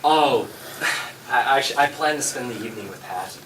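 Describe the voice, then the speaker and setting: An actor playing an eager, deferential inventor, excitable and prone to stammering, in scripted film dialogue. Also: male voice, mid-range voice, normal speed, close to an everyday voice. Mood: deferential, flustered. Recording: echoey room, distant mic, noisy clicks.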